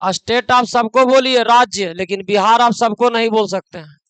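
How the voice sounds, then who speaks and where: A male grammar teacher lectures his class in a very high, smooth, clear voice. He breaks off to scold his students in local dialect. The sound is dry and close. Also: normal speed, a bit bright, no room sound, poor audio.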